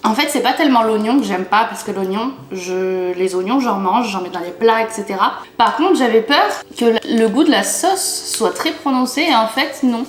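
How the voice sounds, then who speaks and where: Young woman, food vlogger, chatty, exclaiming, high-pitched, roomy living-room sound. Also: normal speed, few pauses. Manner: chatty, exclaiming, murmuring while tasting. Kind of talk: casual chat to camera. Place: home living room, at low table.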